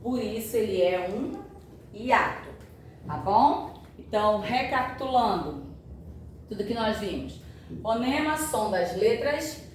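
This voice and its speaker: A woman's voice: mid-range voice, expressive, takes it slowly, pauses often. A woman teaching a grammar lesson, explaining patiently and often checking that her students follow. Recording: echoey room, far from mic, faint noise.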